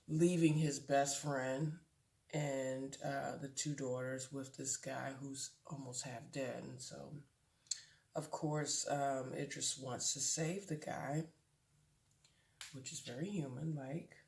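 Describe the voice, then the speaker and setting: A middle-aged woman vlogger casually retelling a movie plot, full of fillers and animated asides. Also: a bass voice, takes it slowly, vocal fry. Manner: animated storytelling with many fillers.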